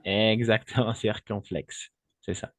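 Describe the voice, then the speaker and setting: A man's voice: fairly low pitch, steady tone, slow, a bit bright, no room sound. A man who speaks Spanish natively teaches French pronunciation to Spanish speakers, patiently repeating words and checking in with his students. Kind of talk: online language lesson.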